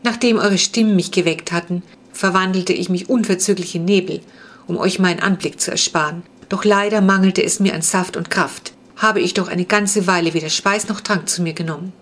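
A woman's voice: fairly low pitch, fairly even intonation, fairly quick, close to an everyday voice. A woman reading a storybook, voicing a polite half-vampire boy of noble blood who speaks in formal, courtly, old-fashioned phrases. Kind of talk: audiobook reading.

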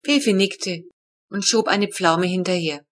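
A woman narrating a children's storybook chapter with a steady, clear reading. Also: fairly low pitch, measured pace. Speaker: audiobook narrator.

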